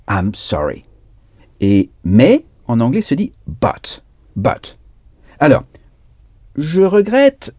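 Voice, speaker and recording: A male language teacher leads a recorded lesson, repeating each word and spelling it out letter by letter. He talks very slowly, and his pitch leaps widely from low to high as he stresses words. His voice is mellow and dark, recorded dry and close. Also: no echo.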